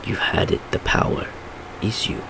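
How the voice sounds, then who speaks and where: A man voicing a gentle male friend in a memory who speaks softly and in a hush. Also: moderate pace, noisy background, close to an everyday voice. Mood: tender.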